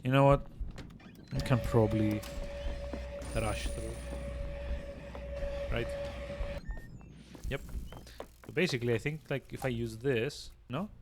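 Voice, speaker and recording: A man's voice: medium pitch, slow pace, long pauses, a little mellow, faint music behind. A man giving casual let's play commentary, musing aloud and repeating words as he thinks. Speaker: video game player and commentator.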